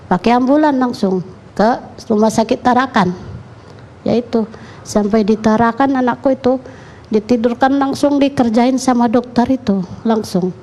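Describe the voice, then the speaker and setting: A woman's voice: a little high, moderate pace, a little mellow. A woman, a mother recounting events in an interview in short, plain, run-on clauses. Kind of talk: emotional first-person account.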